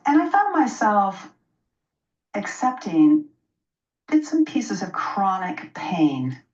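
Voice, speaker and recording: A woman's voice: mid-range voice, big pitch swings, slow. A woman in her sixties speaking as a radio interview guest, explaining in a personal, conversational way and stressing points through repetition. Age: 60s. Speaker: interview guest, health practitioner. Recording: dull, roomy, distant microphone sound.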